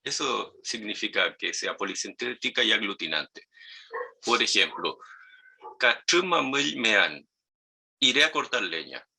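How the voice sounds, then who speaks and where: Gravelly, bright-voiced man teaching pronunciation. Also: lowish voice, expressive, low-quality recording. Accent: Chilean Spanish. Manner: patient, repeats words, models pronunciation slowly. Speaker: Mapuche language teacher. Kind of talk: online language lesson. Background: dogs barking nearby.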